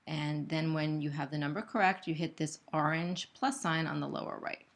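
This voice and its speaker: A woman gives step-by-step instruction in the manner of a corporate training video. Her voice sits a little low and has a clear creak to it. She explains methodically and patiently, in her own unscripted words. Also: flat delivery, normal speed. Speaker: trainer for gallery sales staff.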